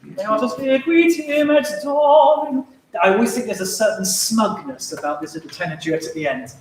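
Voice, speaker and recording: A man leading a choir rehearsal, giving brisk, wry instructions and singing phrases to show how they go. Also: fairly high pitch, lively intonation. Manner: brisk, wry and encouraging, sings phrases to demonstrate. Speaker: choir conductor. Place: large echoey rehearsal hall. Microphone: distant room microphone. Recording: echoey hall from far off, faint music.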